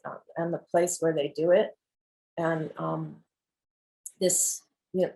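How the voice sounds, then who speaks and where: A woman filmmaker introducing clips from her documentary on a video call, pausing often with fillers. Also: low-pitched, a little mellow, rough recording. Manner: hesitant, many fillers. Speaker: filmmaker presenting her work. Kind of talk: hesitant art-talk presentation.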